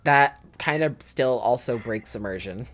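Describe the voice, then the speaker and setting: A woman's voice: rumbling low, expressive, measured pace. A young woman running a tabletop game, chatty and organizing the players with frequent "um"s. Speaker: game master.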